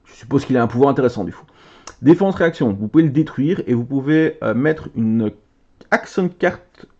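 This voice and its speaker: An excitable, chatty man opening trading cards and reading their names aloud, his voice swooping up and down with animated pitch. The recording is muffled and lo-fi, like a simple home setup. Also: moderate pace. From Belgium. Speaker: card game content creator. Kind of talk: casual card-opening commentary.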